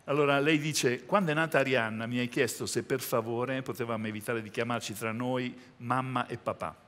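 A man's voice: mid-range voice, steady tone, fairly quick, fairly bright tone. A man hosting a TV comedy show, teasing and playful with his guest. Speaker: show host. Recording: large hall with audience. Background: audience crowd.

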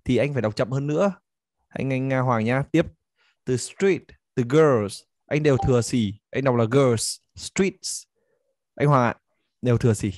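Male tutor, upbeat and encouraging, patient step-by-step corrections, mid pitch, dry close sound. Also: a little fast, dry recording. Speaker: English teacher. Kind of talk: one-on-one coaching session.

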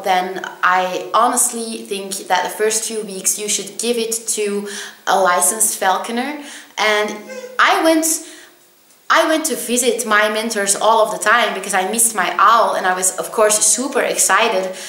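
A young woman chats straight into her webcam in a small room, with lots of ums and little self-mocking laughs. Her voice sits at a middle pitch. The room around her adds a noticeable echo. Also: pushed and bright. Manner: chatty, many ums, laughs at herself. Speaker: vlogger. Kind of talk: casual storytelling to camera. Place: small indoor room with plain wall. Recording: echoey room.

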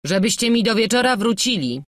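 A man's voice: sits high, expressive, brisk, a bit bright, dry recording, clean studio sound, voice pushed up. A woman voicing a displeased older male landowner in a storybook reading, curt and questioning.

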